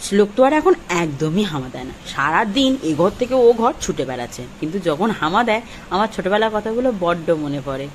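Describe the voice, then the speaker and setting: A woman calmly narrating her day in a home vlog voice-over. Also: lowish voice, fast talker, background noise.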